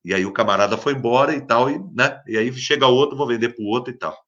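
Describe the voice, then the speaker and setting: Bright-voiced Brazilian preacher man. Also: medium pitch, fast talker, muffled recording. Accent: Brazilian Portuguese. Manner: emphatic, repeats key phrases, swings from loud to hushed. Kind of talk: devotional sermon.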